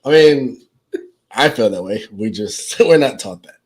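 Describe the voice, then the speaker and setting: A man's voice: medium pitch, expressive, unhurried. A young man co-hosting a casual couple's podcast, joking and teasing as he talks. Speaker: podcast co-host.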